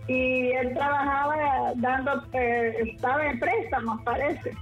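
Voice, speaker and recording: A woman's voice: high voice, fairly even intonation, faint music behind. Elderly Honduran woman pleading by phone. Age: 70s. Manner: halting, pleading, with restarts. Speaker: caller. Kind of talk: phone-in complaint. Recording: muffled phone line into radio.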